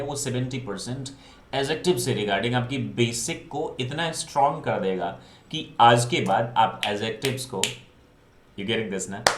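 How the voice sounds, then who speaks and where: A man's voice: mid-range voice, a little hiss or hum. A man teaching English grammar in an online lesson, mixing English into his talk and often asking his class questions that he then answers himself. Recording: echoey room.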